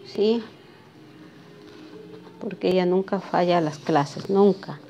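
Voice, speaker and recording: This sewing teacher has a lowish, dark-toned voice and takes her time speaking. The recording sounds muffled, with a little hiss or hum. She drafts a pattern at a cutting table in her workshop during a live lesson, chatting with viewers by name and asking "¿sí?" often.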